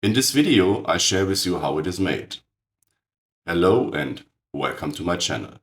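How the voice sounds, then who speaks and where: A man narrates a technical build in a precise, matter-of-fact way, his voice raspy and hoarse from a cold. He sits somewhat low in pitch and delivers blunt verdicts plainly. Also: very animated, moderate pace, a bit bright. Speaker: channel host.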